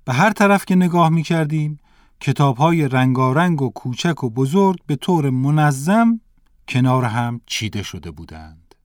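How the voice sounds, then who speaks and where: A man narrating a textbook lesson story in a measured, careful reading voice. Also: on the high side, very animated, no room sound, studio quality.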